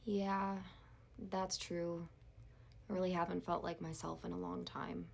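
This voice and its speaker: A woman plays an anxious client in a therapy role-play. She sounds hesitant and casual, with a creaky, slightly low voice. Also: level tone, a little slow, full character voice. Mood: nervous, hesitant.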